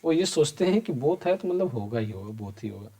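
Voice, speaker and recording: A man's voice: mid-range voice, sing-song, brisk, dark tone. A man teaching an accounting lesson for exam preparation. He talks straight to his students, keeps asking them questions and answers them himself, and repeats the key points. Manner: conversational, addresses students directly and asks them questions. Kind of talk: exam-prep lecture.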